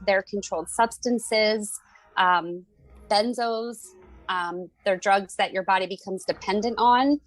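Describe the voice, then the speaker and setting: A woman's voice: mid-range voice, rough recording. A woman in her thirties, a mother, giving an earnest and emotional personal testimony as a guest on a group call.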